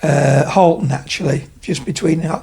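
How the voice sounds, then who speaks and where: At home in Leeds, England, a roughly seventy-year-old retired tradesman chats as a podcast guest in a casual interview, his stories wandering off track and full of fillers. He has a slightly high, mellow, husky voice with fairly even intonation and an unhurried pace.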